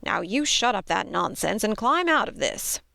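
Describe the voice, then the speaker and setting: A man voicing a fussy, scolding old aunt who is fond of the boy, speaking in a sharp, exclaiming way. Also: high-pitched, very animated, normal speed, vocal fry, voice pushed up, heavily acted.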